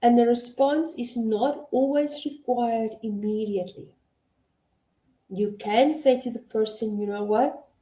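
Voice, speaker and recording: Calm, measured woman coach, echoey room. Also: on the high side. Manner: measured, deliberate, stresses key words. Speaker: host and communication coach. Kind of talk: motivational talk to camera.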